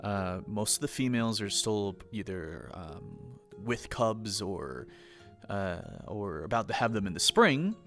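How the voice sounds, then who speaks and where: Calm male professor, measured explaining, deep voice, played by a man. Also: faint music behind. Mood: informative. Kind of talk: in-character role-play.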